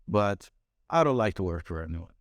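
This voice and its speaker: A young Palestinian restaurant owner with a deep, animated voice speaks at a moderate pace, with no echo, in a small restaurant room. Telling his story in a casual interview, he searches for words and frequently restarts mid-sentence.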